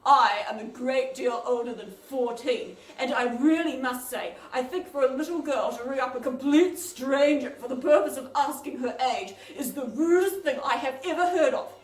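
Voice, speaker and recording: A woman voicing a stern, deep-voiced older woman on the phone, slow and cold, with a growly tone. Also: recorded from a distance, lightly acted. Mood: indignant. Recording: roomy echo, off-mic, faint noise.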